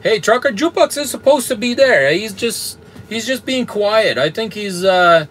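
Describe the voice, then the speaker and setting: A man's voice: sits high, animated, normal speed, a bit bright, slight background noise. A man who is a trucker, from Canada, chatting casually and bluntly on a live stream from his truck cab, with lots of fillers. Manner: blunt, straightforward, chuckles often, many fillers. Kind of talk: casual live-stream chat reading comments. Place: truck cab with bunk heater and fan.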